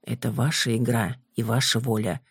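A reader voicing a polite, formal male vampire, speaking slowly and with measured courtesy in a husky voice. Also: medium pitch, level tone, dry recording, studio quality, voice pushed down. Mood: courteous.

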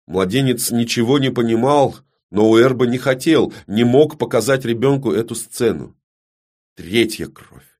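Reading a dark fantasy audiobook, a medium-pitched male narrator keeps his storytelling slow and solemn. Time and again his voice falls to a near whisper.

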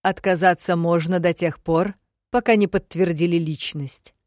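A woman's voice: on the low side, fairly even intonation, normal speed, a little mellow, no echo, close to an everyday voice. A woman voicing a formal male court secretary who speaks in an official tone in an audiobook, in a dry recording. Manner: official, proclaiming.

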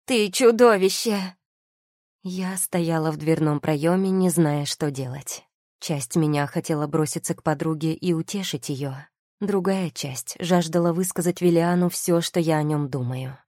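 A woman narrating an audiobook in the first person, measured and expressive, on a close mic. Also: low voice, dry recording.

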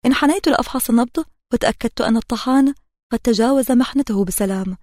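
A woman narrating an audiobook in a measured, steady reading voice. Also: a little high, no room sound, studio quality.

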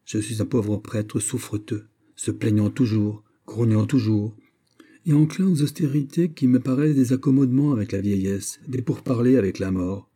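A man voicing Aramis, an aging, subtle and wary bishop, in an audiobook reading, with a smooth, probing, mildly ironic manner. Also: medium pitch, normal speed, mellow, lightly acted. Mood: musing.

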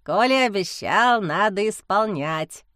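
A woman voicing a short, homely male house spirit who talks gruffly and mutters. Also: medium pitch, expressive, measured pace, fairly bright tone, dry recording, clean studio sound.

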